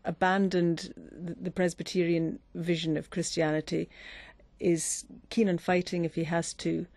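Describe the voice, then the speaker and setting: Woman asking probing questions, kinda halting, warm low voice, dry mic. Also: level tone, no echo. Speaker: interviewer. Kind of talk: interview questions.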